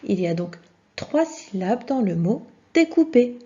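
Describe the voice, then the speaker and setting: Woman, children's lesson, patient teacher, slightly high voice, husky. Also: big pitch swings, mellow. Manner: slow, patient, encouraging, speaks to the child directly. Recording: dull lo-fi sound.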